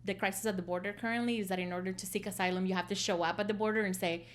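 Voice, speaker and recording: Guest therapist, woman in her 40s from El Salvador, mid-pitched, reflective, pauses and fillers. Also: steady tone. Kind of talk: casual interview storytelling.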